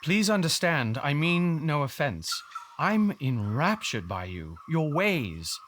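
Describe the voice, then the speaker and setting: An animated, well-spoken Hook. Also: male voice, a little high, takes it slowly, slight background noise, exaggerated voice. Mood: earnest, courteous. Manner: formal, articulate, eloquent. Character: grown Englishman banker turned self-styled captain, courteous and ambitious. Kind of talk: audio drama acting.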